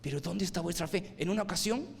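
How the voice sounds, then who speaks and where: A man preaching a sermon, swinging from loud emphatic bursts to low quiet lines and asking his listeners rhetorical questions. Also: fast, vocal fry, a little hiss or hum.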